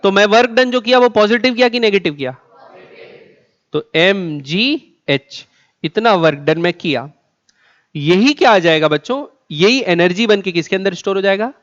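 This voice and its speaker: This physics teacher has a high, fairly bright voice and an animated manner at a normal pace. Lecturing his class, he poses questions, supplies the answers, and drags out and repeats key terms to drive them home. The audio is muffled and lo-fi.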